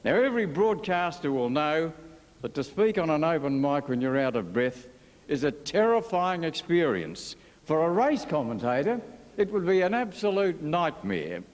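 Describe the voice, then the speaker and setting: Older Australian man, memorial speaker; lightly raised pitch, easy anecdotal humour, long reverb through a big hall PA. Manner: warm anecdotal storytelling with gentle humour. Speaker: memorial speaker, former radio studio coordinator. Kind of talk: memorial speech. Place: large hall at a racecourse.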